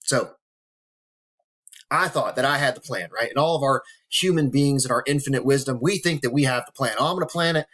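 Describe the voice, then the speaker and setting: A man's voice: medium pitch, fast, few pauses, fairly bright tone. A man in his thirties talking to camera, earnest and emotional, mixing blunt swearing with heartfelt talk and holding back tears. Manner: earnest, emotional, profane, motivational. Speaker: vlogger.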